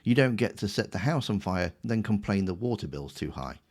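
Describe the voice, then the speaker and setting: A man with a fairly low voice delivers scripted commentary as a rebuttal. He sounds smug and sarcastic, mocking the claims he picks apart. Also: lively intonation, a little fast, a little mellow. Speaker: political commentator.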